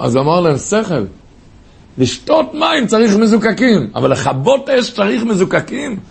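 A man delivers an impassioned sermon built on stories, his voice high. It carries a gravelly edge throughout. He climbs to sharp cries at the peaks. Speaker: preacher.

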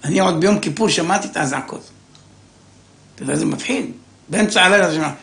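An older man telling a funny story from his own life, animated and acting out the voices of the people in it. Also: high-pitched, creaky. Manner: animated, acts out voices, chuckles. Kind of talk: comic personal storytelling. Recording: roomy echo.

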